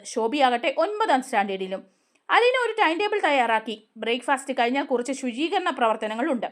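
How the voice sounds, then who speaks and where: Female storyteller, high voice with lots of melody, reads a serial story. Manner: expressive storytelling. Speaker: story narrator. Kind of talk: reading a serial story aloud.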